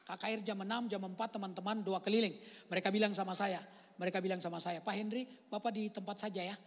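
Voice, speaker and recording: Animated preacher man in a reverberant hall. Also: sits high, fast. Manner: animated, swings from loud to hushed, acts out quoted voices. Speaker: pastor. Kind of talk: lively storytelling sermon. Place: church hall. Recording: long reverb of a large church hall.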